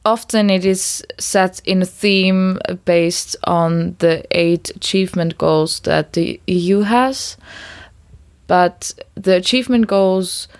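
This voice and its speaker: A woman's voice: lowish voice, slow, smooth. A woman from Austria, a youth worker, giving thoughtful interview answers. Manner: thoughtful, starts with um.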